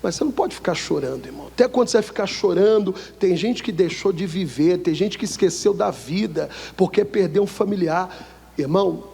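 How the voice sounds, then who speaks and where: A man with a Brazilian Portuguese accent preaching a sermon, asking the church questions and swinging from loud high lines to low quiet ones. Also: lively intonation, brisk, gravelly, husky. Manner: asks the church questions for them to answer. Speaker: pastor. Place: church hall. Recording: long reverb of a church hall.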